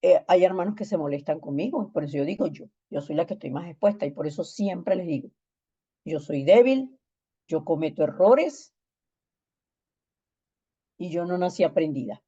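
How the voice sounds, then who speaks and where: A woman's voice: lowish voice, lively intonation, normal speed, long pauses, mellow, breathy edge, muffled recording. A woman pastor preaching a sermon, emphatic and repeating phrases for stress.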